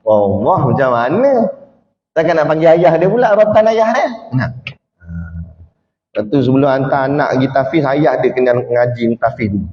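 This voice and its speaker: A man with a Malay accent giving a religious lecture in an animated way, acting out quoted speech and often tagging his points with "ha" and "kan". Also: medium pitch, moderate pace. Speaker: preacher. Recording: echoey hall, dull lo-fi sound.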